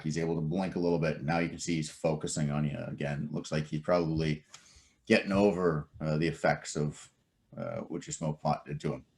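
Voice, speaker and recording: A man narrating as game master of a tabletop game, animated and full of fillers and laughs. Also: extremely low pitch.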